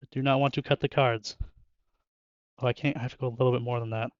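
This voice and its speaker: A man's voice: mid-range voice, level tone, quick pace, no echo, muffled recording. A young man chatting casually and joking with viewers while opening card packs in his bedroom, laughing often. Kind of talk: casual chat with live chat. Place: bedroom at home.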